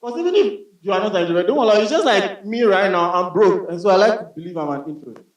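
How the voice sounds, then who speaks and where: A man's voice: high voice, animated, fast talker. A man doing stand-up comedy on a club stage in a chatty style, addressing the crowd as bro. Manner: conversational, addresses the audience as bro. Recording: roomy club sound from a distance.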